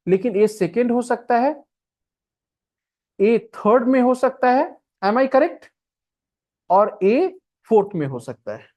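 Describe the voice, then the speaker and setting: A man's voice: high voice, a little mellow. A male coaching teacher giving a classroom lecture, mixing Hindi and English and checking with his students again and again. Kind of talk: classroom lecture on a reasoning puzzle.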